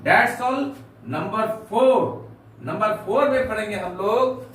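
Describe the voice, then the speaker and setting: Slow-paced man teaching grammar in an echoey room. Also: sits high, a bit bright. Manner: slow, spells words letter by letter. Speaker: English teacher. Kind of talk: grammar lesson explaining rules. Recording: echoey room from far off with faint noise.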